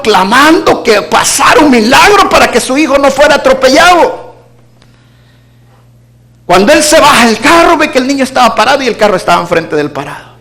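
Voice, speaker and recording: A man preaching a sermon as pastor, moving between emphatic declarations and hushed low asides.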